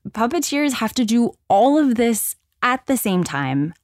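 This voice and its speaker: Woman narrating a story, measured. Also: fairly high pitch, big pitch swings, no echo, clean studio sound. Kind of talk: scripted narration.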